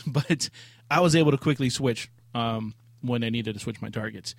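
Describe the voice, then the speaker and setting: A man's voice: mid-range voice, moderate pace, creaky, no room sound, clean studio sound. A man chatting casually and informally as a co-host of a gaming show. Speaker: podcast co-host. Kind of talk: casual chat.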